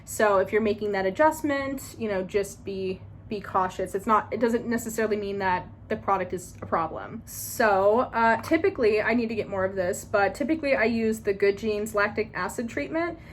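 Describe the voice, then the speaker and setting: A woman in her twenties talks through her skincare routine in a relaxed, rambling way, full of fillers and little laughs. Her voice sits at a middle pitch. A faint hiss sits under the recording. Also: normal speed. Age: 20s. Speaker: beauty vlogger. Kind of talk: casual skincare tutorial.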